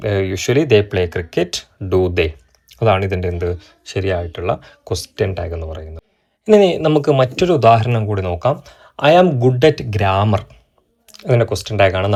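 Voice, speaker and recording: A man teaching an exam-prep grammar lesson, asking the class questions and answering them himself, and spelling out example sentences very slowly. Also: on the low side, a little mellow.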